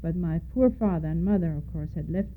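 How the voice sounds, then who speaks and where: On a tinny, lo-fi tape that sounds like a phone line, an older Danish woman with a Danish accent looks back on her life in an oral history interview, spelling names out letter by letter. Her voice is lowish and a little fast, with slight background noise.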